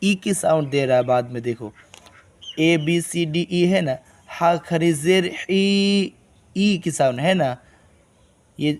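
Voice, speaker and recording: A man teaching Arabic letter reading step by step. He explains each rule and then drawls the syllables slowly so learners can copy him. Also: medium pitch, a little mellow. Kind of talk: step-by-step recitation lesson.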